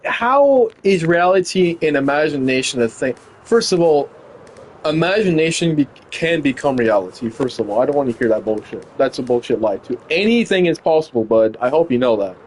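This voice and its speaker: A man's voice: a little high, lively intonation, normal speed, a little mellow, slight background noise. A young man streaming live, arguing with a chatbot in a casual, incredulous way, swearing a lot.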